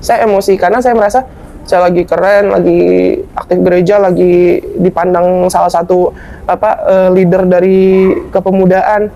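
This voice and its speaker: A young adult woman, a guest telling her own story in a lively, colloquial way. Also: lowish voice, normal speed. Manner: animated, colloquial, acts out past dialogue. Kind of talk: conversational storytelling interview.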